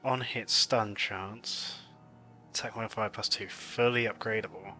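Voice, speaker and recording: Low-voiced man commentating on a game. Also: steady tone, measured pace, pushed and bright, soft background music. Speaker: gaming video host. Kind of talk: casual playthrough commentary.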